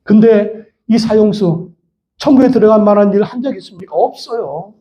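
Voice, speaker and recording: A man's voice: high-pitched, normal speed, dark tone. A man preaching a sermon as pastor of a church, driving his points home with repeated rhetorical questions. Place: church worship hall. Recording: dull lo-fi sermon recording.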